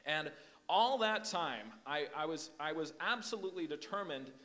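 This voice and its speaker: A young man who grew up in Hong Kong and the Philippines gives an animated, emphatic youth sermon as an invited speaker, often repeating his words. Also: fairly high pitch, moderate pace.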